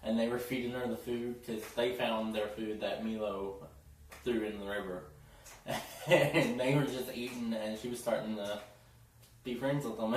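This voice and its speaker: A man's voice: mid-range voice, far from the mic. Chatty man recapping in an echoey room. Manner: chatty, giggly, acts out characters' lines. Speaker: TV episode reviewer. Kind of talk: casual recap. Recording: very echoey room, voice off-mic, faint music.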